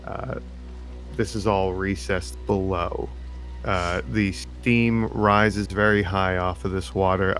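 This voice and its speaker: A man running a tabletop game as game master, narrating scenes slowly with many fillers. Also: on the low side. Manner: slow, descriptive, with many fillers. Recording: background music.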